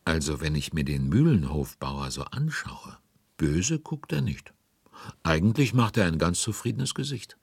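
An actor playing a genial storyteller narrating a children's audio drama, conversational and wondering aloud in a husky voice. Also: male voice, very animated, a little slow, dry recording, heavily acted. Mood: amused. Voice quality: deep, husky. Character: genial male storyteller commenting on events.

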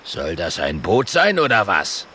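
A man's voice: sits low, wildly swooping pitch, measured pace, bright, forceful tone, a little hiss or hum, exaggerated voice. A man voicing a grumpy, grumbling male hippo in a children's audiobook. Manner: grumbling, gruff.

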